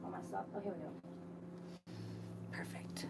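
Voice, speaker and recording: A woman's voice: mid-range voice, normal speed, creaky, heavy background noise. A young adult woman rambling frankly in a casual vlog at home, full of fillers and frustration. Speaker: vlogger.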